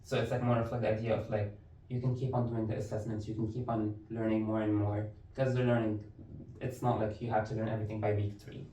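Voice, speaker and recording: A young man from Lebanon chats easily as a podcast guest, peppering his thoughts with "like". His voice sounds mellow and a little dark. It is picked up from some distance in a room with noticeable echo. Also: lowish voice, little pitch movement, fast talker, hardly any pauses, slight background noise. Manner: easygoing, fills speech with "like" and "it's like". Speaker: university instructor, podcast guest. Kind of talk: casual interview conversation. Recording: roomy, distant mic.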